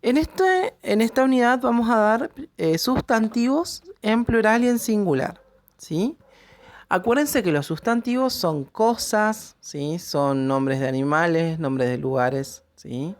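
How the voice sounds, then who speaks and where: Slow, patient woman teaching English. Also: medium pitch, expressive, no echo. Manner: explains slowly, checks in with a questioning tag after each point. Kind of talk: recorded classroom lesson.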